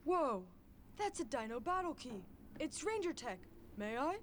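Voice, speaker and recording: An actress playing an earnest, brave young superheroine in a children's action series. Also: female voice, high voice, very animated, a little slow, a little hiss or hum. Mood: friendly, sincere.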